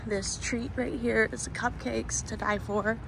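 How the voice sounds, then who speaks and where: A woman's voice: a little high, steady tone, slow, creaky. A woman giving a casual walking tour outdoors, chatty and full of fillers, a bit tired and thirsty. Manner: chatty, filler-heavy, laughs often. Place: outdoor shopping center plaza. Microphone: handheld phone camera while walking. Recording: outdoor phone audio with street noise. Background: traffic and outdoor ambience.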